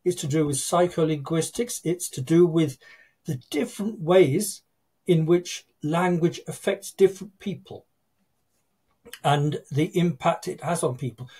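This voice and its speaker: An older man, a guest copywriter telling lively stories on a video call from his home office. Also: fairly high pitch, unhurried, breathy edge. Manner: lively storytelling, acts out quoted people. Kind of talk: casual interview chat. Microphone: video call webcam.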